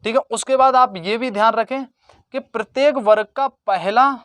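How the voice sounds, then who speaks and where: A teacher giving an exam-prep grammar lesson, repeatedly asking a question and then answering it in a lower, softer voice. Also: moderate pace, no room sound.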